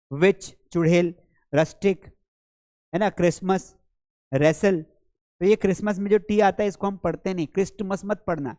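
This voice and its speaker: A man's voice: high-pitched, a little mellow, no echo, clean studio sound. A man teaching English pronunciation in a video lesson, explaining patiently and calling viewers his children. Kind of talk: classroom-style video lesson.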